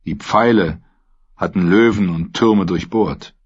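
A man narrating an audiobook in a measured, dark storytelling manner, in a dull lo-fi recording. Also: deep voice, husky. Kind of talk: scripted fantasy narration.

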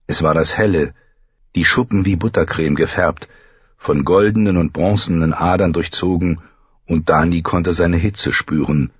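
A man narrating a fantasy audiobook in a measured, even storytelling manner, with a husky voice. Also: sits low, dry recording, lo-fi sound.

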